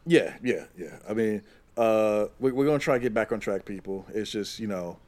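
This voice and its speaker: A man's voice: fairly low pitch, lively intonation, normal speed, a little mellow. A man co-hosting a casual podcast, easygoing, laughing often and repeating himself. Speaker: podcast co-host. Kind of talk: casual chat.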